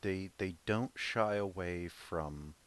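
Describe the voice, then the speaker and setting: Man, deep-ish voice, chatty and amused, casual podcast talk. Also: slow pace. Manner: chatty, amused, laughs often. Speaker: podcast co-host. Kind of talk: casual film discussion.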